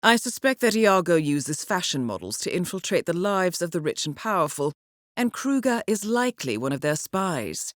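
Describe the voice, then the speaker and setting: An actress voices a cool-headed female intelligence handler in a video game, delivering scripted mission briefings in a composed, formal, dryly understated way with a poised mood. Her lowish voice is very animated at normal speed, recorded dry with clean studio sound.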